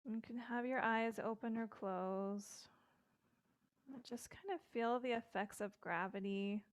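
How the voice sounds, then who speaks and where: Speaking slowly and a little high, a middle-aged woman leads a yoga session with calm, gentle cues and casual filler words. She was recorded indoors on a close mic, with no echo.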